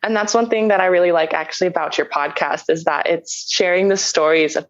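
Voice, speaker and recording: Young woman guest, hesitant, lots of ums, muffled lo-fi sound. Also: on the low side. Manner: hesitant, many ums, slow and thoughtful. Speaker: podcast guest. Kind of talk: casual interview.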